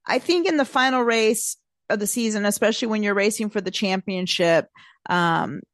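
A woman's voice: mid-range voice, moderate pace, no echo, clean studio sound. A woman co-hosting a casual talk show, chatty and a little hesitant, often laughing between points. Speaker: podcast co-host. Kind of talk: casual chat.

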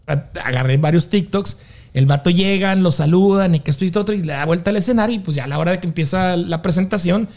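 A Mexican man tells a concert story in loose, slangy chat. His voice sits high for a man, and he jumps into the voices of the people in his story as he goes. The delivery is animated and full of street slang. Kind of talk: casual chat.

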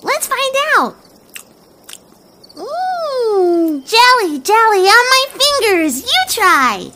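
A woman's voice: very high-pitched, sing-song, extremely slow, background noise, exaggerated voice. A woman voicing a naive, cheerful little girl in a cartoon, with a childlike, eager manner.

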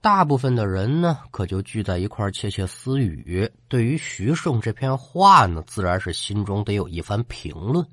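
A man telling a ghost folk tale in an animated, colloquial way, speaking straight to the listener. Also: fairly low pitch, normal speed, few pauses, no echo, studio quality. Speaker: storyteller. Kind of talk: spoken folk-tale storytelling for a ghost-story podcast.

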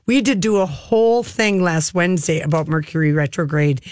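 A woman's voice: fairly low pitch, a little fast, a little mellow, no echo, clean studio sound. A woman hosting a talk show, chatting casually and passing on entertainment news.

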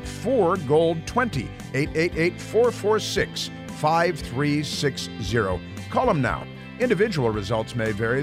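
Man rattling off a fast legal disclaimer. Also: mid-range voice.

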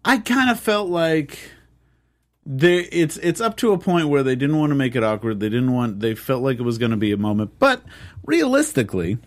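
A man co-hosting a casual TV review podcast, chatty with quick reactions and asides. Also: mid-range voice, big pitch swings, dry recording. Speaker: podcast co-host.

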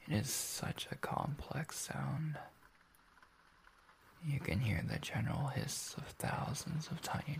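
A man playing a tender, soothing boyfriend in a whispered role-play, speaking softly, warmly and intimately, as if very close to his partner. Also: mid-range voice, heavily acted. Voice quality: soft, breathy whisper with creak.

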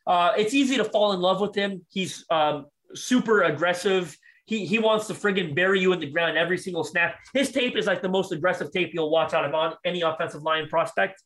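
A man's voice: high voice, fairly bright tone. A man talking football draft prospects on a podcast, enthusiastic and restarting often, a little out of breath. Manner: fast, enthusiastic, many restarts. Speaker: draft analyst guest. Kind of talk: podcast sports talk.

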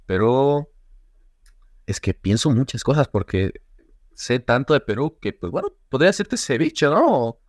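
A man's voice: medium pitch, measured pace, no room sound, clean studio sound. A young man from Bolivia, a travel YouTuber, chatting as a podcast guest and acting out quotes as he laughs through his stories. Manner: animated storyteller, acts out quotes, laughs often. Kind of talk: casual podcast interview.

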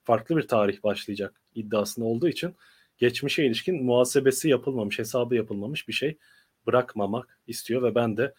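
A man's voice: medium pitch, brisk, darkish tone, breathy edge. A man hosting a conversational political interview, sounding a little unwell with a strained voice. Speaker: host of a political talk stream.

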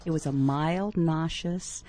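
Casting: low-pitched woman radio co-host, chatty, animated. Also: slow. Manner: chatty, animated, laughs easily. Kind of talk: casual radio chat. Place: radio studio.

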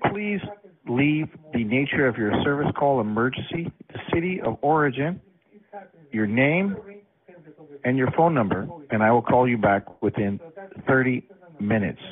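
A man's recorded voicemail greeting, polite and businesslike, at a medium pitch. It comes through a narrow, phone-like line. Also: moderate pace.

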